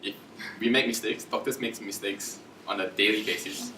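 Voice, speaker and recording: A man gives a relaxed talk to students, with a fairly low, bright and forceful voice. He speaks in a chatty, informal way. He was recorded from a distance in a room with a lot of echo. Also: normal speed, a little hiss or hum. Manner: chatty, acts out quoted dialogue in raised voices. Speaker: junior doctor giving a career talk. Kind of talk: casual presentation to students. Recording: echoey room, distant from mic.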